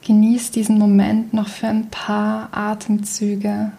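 A woman guides a meditation in a soft, breathy, almost whispered mid-range voice. She sounds calm and soothing, leaving long pauses.

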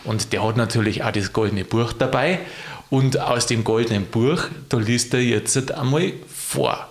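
A man hosting a podcast, chatting and joking in quick bursts. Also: medium pitch. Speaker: podcast host. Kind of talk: casual chat.

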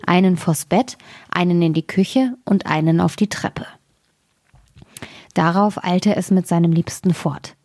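Low-voiced woman reading a fairy tale. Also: a little mellow, dry recording, clean studio sound. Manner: measured storytelling, dropping to a whisper at grim moments. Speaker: fairy-tale podcast narrator.

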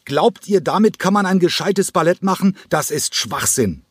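A man reading an audiobook and voicing a hot-tempered male ballet choreographer who yells in fury. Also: expressive, normal speed, breathy edge, no echo. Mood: raging. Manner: yelling in fury, rising high. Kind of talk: audiobook character voice.

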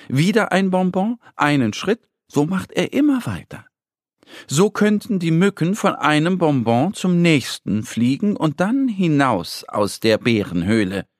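A man narrating a children's story slowly, with a lively, storytelling delivery. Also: fairly high pitch, no echo, studio quality.

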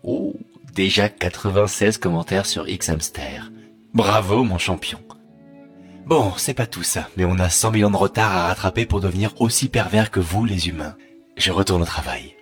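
A man's voice: sits low, moderate pace, faint music behind. A man voicing a sardonic, menacing male artificial intelligence with a robot voice, mock-polite and sneering. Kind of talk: comedy sketch monologue.

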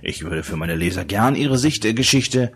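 A man's voice: on the low side, expressive, normal speed, close to an everyday voice. A man voicing a smug male tabloid reporter who needles and taunts. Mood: needling.

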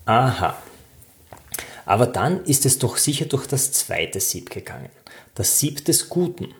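A man reading the part of a wise old male philosopher, who asks calm, patient questions. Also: medium pitch, measured pace. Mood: calm questioning.

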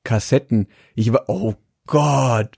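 A man's voice: medium pitch, slow, creaky, a little mellow, slightly rough, dry recording, studio quality. A man, co-hosting a casual chat and telling rambling stories with frequent laughs. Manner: rambling anecdotal storyteller, laughs often. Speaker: podcast co-host.

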